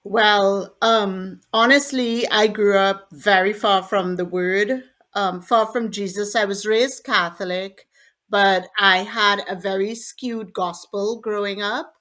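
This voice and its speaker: A woman's voice: medium pitch, fairly even intonation, takes it slowly, a bit bright. A woman from Trinidad, a podcast guest, earnestly telling her personal faith story in an interview.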